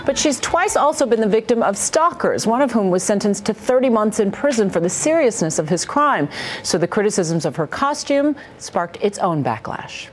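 A woman's voice: medium pitch, sing-song, normal speed, a little hiss or hum. A woman in her thirties reporting live from a television news studio as a correspondent.

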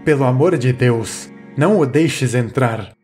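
A man voicing a frightened old man who speaks in a shaky, hushed way, with soft music behind. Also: medium pitch, measured pace, lightly acted.

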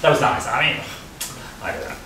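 A man's voice: medium pitch, lively intonation, brisk, noisy background. A middle-aged man teaching a music masterclass, playful and questioning, laughing often. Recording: echoey hall, distant mic, music behind.

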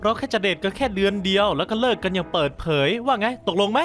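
A man's voice: high-pitched, a bit bright, soft background music. A man voicing a smug nerdy teen boy. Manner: smug, teasing, quick-talking. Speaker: voice actor in a fan dub. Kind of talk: animated story dub.

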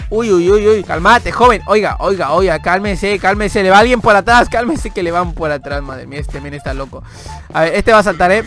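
A man's voice: sits high, a little fast, a bit bright, soft background music. A young man giving playful, hyped gameplay commentary as a channel host. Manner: playful, hyped, jokey banter at players.

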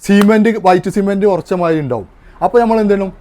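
A man talks through a hands-on demonstration in a relaxed, casual way. His voice sits high for a man. He explains one step at a time and keeps asking whether you have followed. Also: racing. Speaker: home arrowroot powder maker demonstrating.

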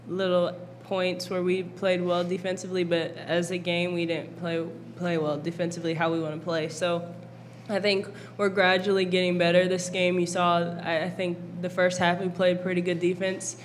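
A young woman basketball player answering questions at a post-game press conference, calm and measured, into a table mic. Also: lowish voice, slight background noise. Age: young adult. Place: press conference room with backdrop.

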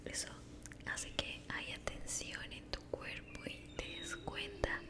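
Slow, whispering woman, soothing whispered role-play. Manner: soothing, encouraging, slow, uses affectionate diminutives. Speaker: ASMR creator guiding the listener.

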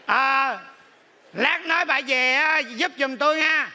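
A man's voice: extremely high pitch, takes it slowly, pushed and bright. A man playing a comic spirit in a live stage sketch, dropping wry asides. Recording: live stage with faint noise.

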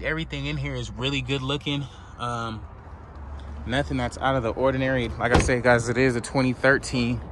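Mid-pitched man, casual auction-yard vlogger, slangy and easygoing, outdoor phone audio with clear lot noise. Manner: relaxed, slangy, asks viewers to comment. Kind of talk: casual walkaround commentary. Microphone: handheld phone camera, filming while walking.

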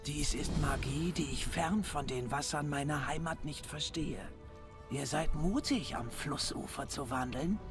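A solemn reptilian sage from a fantasy game. The voice is gravelly and measured, with a cryptic, wise manner, and music plays underneath. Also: female voice, deep voice. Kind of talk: video game character acting.

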